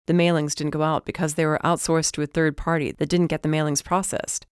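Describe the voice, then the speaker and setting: A woman voicing a wry, deadpan male police detective in an audiobook. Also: low-pitched, brisk, clean tone, no room sound, clean studio sound, natural voice.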